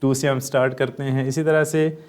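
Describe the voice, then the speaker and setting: A man with a Pakistani Urdu accent teaching a chemistry lesson, explaining step by step and answering his own questions, with frequent "uh" pauses. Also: mid-range voice, level tone, darkish tone, clean tone. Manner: often says "uh". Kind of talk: classroom lecture.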